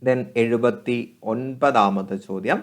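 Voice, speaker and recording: A man, teaching as an exam coach. He reads English questions slowly and deliberately, then explains them in Malayalam, repeating each key answer for emphasis. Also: medium pitch. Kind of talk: exam question walkthrough lesson.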